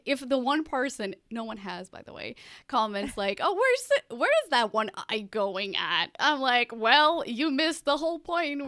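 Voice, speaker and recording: A woman's voice: fairly high pitch, a bit bright, no room sound, studio quality. A woman from Portugal, talking as a guest in a casual interview, chatty and upbeat. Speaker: podcast guest.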